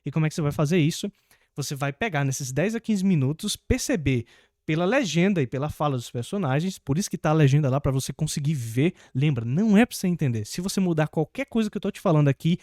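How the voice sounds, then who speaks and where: A man, an English teacher explaining grammar to the viewer, patient and repeating key points, slowing down for each example sentence. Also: fairly high pitch, darkish tone, no echo, clean studio sound.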